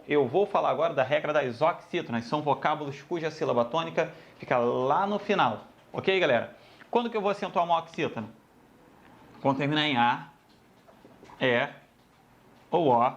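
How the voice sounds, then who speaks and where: A man teaching a grammar lesson, addressing students casually and repeating each rule. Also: fairly high pitch. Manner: lively, addresses students as "galera", repeats rules.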